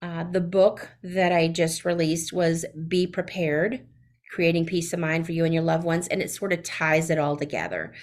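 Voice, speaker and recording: A woman's voice: on the low side, moderate pace, darkish tone. A middle-aged woman with a Southern US accent, speaking as a guest in a podcast interview, with many fillers and restarts. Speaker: guest, CPA.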